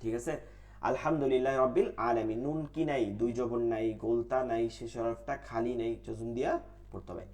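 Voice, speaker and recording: প্রশ্ন করে নিজেই উত্তর দেওয়া পুরুষ কুরআন শিক্ষক. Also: male voice, medium pitch, fairly quick, mellow. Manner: asks questions and answers them himself, repeats rules in a drill. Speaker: Quran recitation teacher. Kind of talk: online tajweed class.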